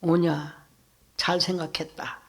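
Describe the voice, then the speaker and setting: Calm wise teacher, as a monk puts him on, low hushed voice, slow, grave. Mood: approving. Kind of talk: sermon storytelling.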